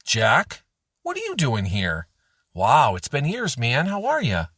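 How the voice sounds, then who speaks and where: Casting: a man playing a cheerful, friendly grown man in an audiobook, slightly husky, lively pitch. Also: a little slow, no room sound, studio quality, exaggerated voice.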